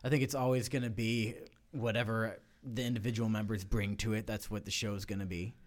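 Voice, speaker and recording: This guest speaks fairly quickly in a rather low, flat voice, recorded on a studio mic in a studio. An improv and sketch performer, he's being interviewed in a casual chat about that work, rambling with lots of fillers and false starts.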